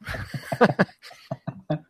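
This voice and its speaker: A man hosting a live podcast in casual chat, halting with many fillers and restarts. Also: dry recording. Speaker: podcast host.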